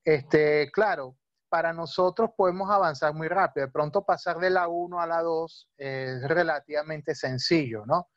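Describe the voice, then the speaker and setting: A man's voice: fairly high pitch, normal speed, no room sound, dull audio. A male language teacher, explaining patiently on a video call and often checking that listeners follow. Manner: patient, many fillers and checking questions.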